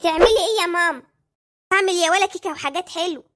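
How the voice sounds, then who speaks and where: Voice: extremely high pitch, racing, sharp tone. صوت مؤدٍّ لـ زوجة مصرية مدللة بصوت حاد جدًا. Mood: demanding. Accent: Egyptian. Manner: whiny and coaxing. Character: fussy Egyptian housewife, spoiled and demanding.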